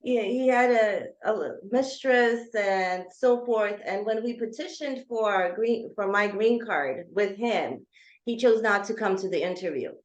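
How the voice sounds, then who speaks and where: A woman in her thirties, from Georgia, a guest author telling her life story in an interview with earnest, hesitant phrasing full of ums. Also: medium pitch. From Georgia (former Soviet Union). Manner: earnest, frequent ums, speeds up and slows down. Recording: echoey, dull lo-fi remote audio.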